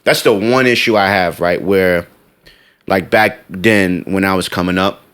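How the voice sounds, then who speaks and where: A man's voice: low voice, measured pace, fairly bright tone, smooth. A man with an American accent chatting casually and emphatically, repeating himself and leaning on slang. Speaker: music producer. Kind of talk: casual conversation.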